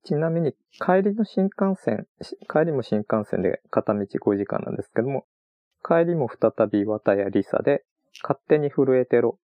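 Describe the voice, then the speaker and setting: A man chatting on his own about books he read on a trip, rambling and relaxed with many fillers. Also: mid-range voice, normal speed, no echo, dull audio. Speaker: podcast host. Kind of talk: casual solo talk about books.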